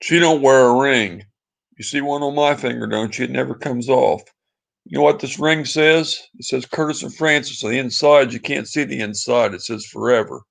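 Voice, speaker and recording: A man's voice: mid-range voice, moderate pace, gravelly, a bit bright. A man, hosting a casual livestream and reading viewer comments, talking in a pleading, sentimental, repetitive way. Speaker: livestream host.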